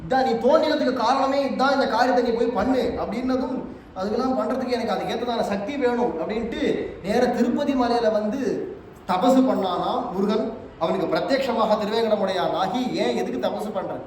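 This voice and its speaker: A man giving a devotional religious discourse, telling stories and chanting verses in a drawn-out sing-song. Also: very high-pitched, darkish tone. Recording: echoey hall, distant mic, faint noise.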